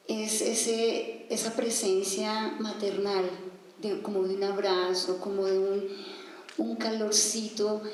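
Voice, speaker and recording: A woman's voice: medium pitch, slight background noise. Earnest woman in a very echoey room. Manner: earnest, rising to pleading cries when reliving moments. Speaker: testimony speaker. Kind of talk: emotional religious testimony. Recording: very echoey room with faint music.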